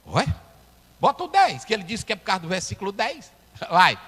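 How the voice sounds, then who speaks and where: A man preaching a sermon as a pastor, breaking into loud shouted climaxes. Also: high voice, huge pitch swings, a little fast, breathy edge. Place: church hall. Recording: echoey church hall, long reverb.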